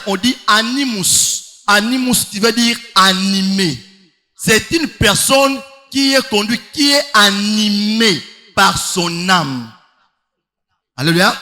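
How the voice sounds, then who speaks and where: A man's voice: very high voice, bright, forceful tone. A man preaching a sermon, emphatic, with rhetorical questions and sing-song stretches. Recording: long hall reverb.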